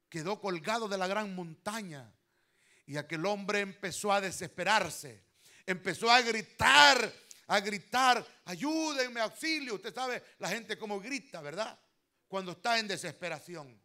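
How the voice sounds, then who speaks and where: Fervent high-voiced male preacher. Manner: fervent preaching, swelling loud on key phrases, addresses listeners as brother. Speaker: pastor. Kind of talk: sermon.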